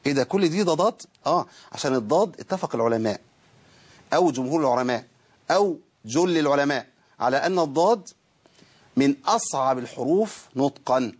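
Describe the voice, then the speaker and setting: A man with an Egyptian Arabic accent teaching Quran recitation in a TV studio, explaining eagerly and stretching sounds out slowly to demonstrate them. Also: on the high side, animated, husky. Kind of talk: televised teaching lesson. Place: television studio.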